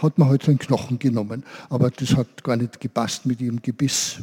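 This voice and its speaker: A man's voice: mid-range voice, fairly quick, breathy edge. A man leading a children's service, telling a story and asking the children questions. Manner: animated, asks children questions.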